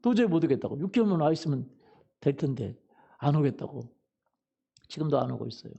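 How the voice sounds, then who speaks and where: A man's voice: a little high, big pitch swings, quick pace, creaky, dark tone, breathy edge, muffled recording. A male pastor preaching a Sunday sermon in a church, telling a story and asking the congregation questions that he answers himself. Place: church sanctuary.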